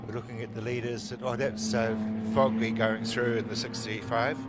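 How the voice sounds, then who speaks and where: A man's voice: mid-range voice, little pitch movement, moderate pace, loud music behind the voice. A man commentating live on a motor race, chatting conversationally with his co-commentator.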